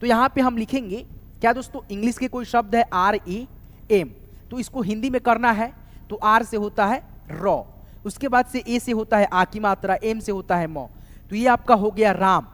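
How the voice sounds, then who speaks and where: A man's voice: high voice, normal speed, a bit bright. A man giving a spoken lesson on writing names, spelling words out letter by letter and often checking back with his students. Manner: keeps saying "doston" and "theek hai", spells words out letter by letter. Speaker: English teacher. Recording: reverberant room recording.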